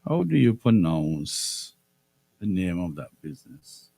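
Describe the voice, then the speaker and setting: A middle-aged man hosting a radio interview show, speaking in a measured way and repeating phrases for emphasis. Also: deep voice, big pitch swings, vocal fry, mellow, dry recording. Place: radio studio.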